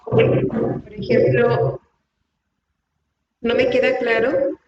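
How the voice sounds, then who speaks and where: A woman's voice: a little high, steady tone, very slow, a little hiss or hum. A woman student asking a hesitant question in an online class over a video call. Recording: dull lo-fi call audio.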